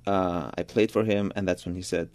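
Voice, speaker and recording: This young man from Georgia, a pianist and composer, speaks Georgian as his first language and is being interviewed on the radio. He considers his answers and frequently restarts sentences, his low, darkish voice moving at a normal pace with fairly even intonation and no room sound.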